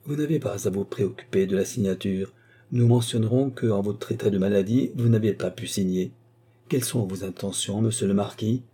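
A man's voice: lowish voice, brisk, warm tone, husky. A man voicing an earnest, formal middle-aged notary who speaks in careful legal phrases. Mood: insistent.

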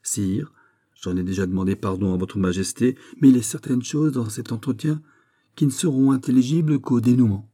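A man voicing a calm older male nobleman who speaks in a measured, courteous and unyielding way. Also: mid-range voice, lightly acted. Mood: firm.

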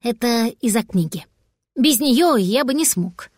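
A clever, grown-up tomcat from a storybook, as a woman reads him, polite but firm and a bit hushed. The voice sits slightly high and comes across dry and close. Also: lively intonation, measured pace, no room sound. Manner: hushed and businesslike.

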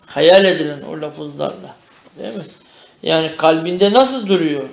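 A Turkish-accented man leads a class with a fairly high voice. He reads Arabic phrase by phrase, translates each one and quizzes the room as he goes. His voice rings with the echo of the room. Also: normal speed, creaky. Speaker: Arabic and theology teacher. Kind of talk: classroom lesson, reading Arabic text and explaining in Turkish. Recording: echoey room.

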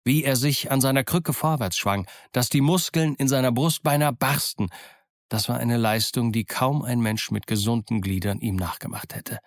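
A man reading an adventure novel aloud in calm, measured first-person narration. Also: medium pitch, no echo, studio quality. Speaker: audiobook narrator.

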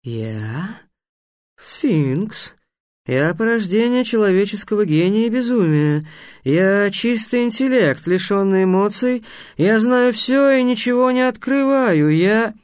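A man voicing a smug, hungry male sphinx who teases with riddles, drawing his words out slowly. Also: high-pitched, lively intonation, clear, resonant tone, dry recording, clean studio sound, pitched above the performer's own voice. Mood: haughty. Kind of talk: audiobook character voice.

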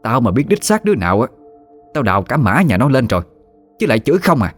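A man voicing a shrill, spiteful old village woman who scolds and curses her neighbours. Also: big pitch swings, quick pace, soft background music. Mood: scolding.

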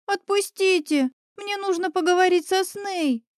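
A woman's voice: unhurried, no room sound, clean studio sound. A woman doing a small frightened girl witch. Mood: urgent. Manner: high, urgent, childlike.

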